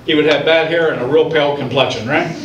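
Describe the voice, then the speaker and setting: A man from Ohio doing a stand-up comedy set, telling stories with punchlines in an animated way. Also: fairly high pitch, fast talker, echoey room, distant mic, a crowd in the background, rough recording. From Ohio, United States. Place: comedy club stage.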